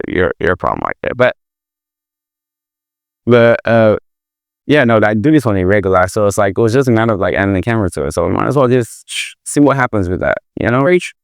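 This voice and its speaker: A man's voice: on the low side, creaky, clean tone, no echo, clean studio sound. A man from Nigeria with a Nigerian accent, hosting a casual chat in a joking, goofy way. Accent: Nigerian English. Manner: goofy, joking, switches registers. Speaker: podcast host.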